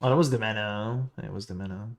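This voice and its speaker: A man's voice: lowish voice, quick pace, creaky. A man with a French accent streaming a game, thinking aloud, muttering to himself and answering chat in a casual way.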